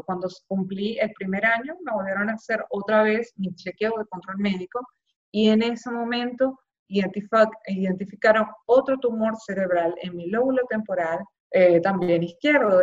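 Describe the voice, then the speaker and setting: A young woman from Zulia, Venezuela, with a Maracaibo accent, giving candid, expressive personal testimony in an interview. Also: mid-range voice, moderate pace. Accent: Maracaibo Venezuelan Spanish. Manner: candid and expressive, acting out quoted voices. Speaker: interviewee, journalist. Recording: slightly dull lo-fi sound.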